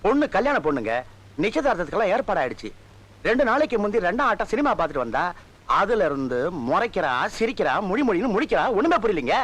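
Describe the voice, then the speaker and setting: Brief: lively, quick worried father urging the priest to get to the point. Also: high-pitched, heavily acted, poor audio. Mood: pleading. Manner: pleading, impatient. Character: anxious male villager, father of a troubled daughter. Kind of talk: 1990s film comedy dialogue.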